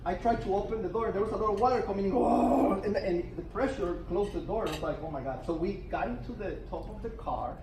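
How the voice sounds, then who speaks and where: A man from El Salvador tells an animated story to a meeting group, laughing and stumbling over restarts as he goes. He sounds far from the microphone in a roomy, echoing space. Steady background noise runs beneath his voice. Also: sits high, fast talker, hardly any pauses. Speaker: presenter at a business networking meeting. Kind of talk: storytelling presentation. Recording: echoey room, mic from far off, noisy.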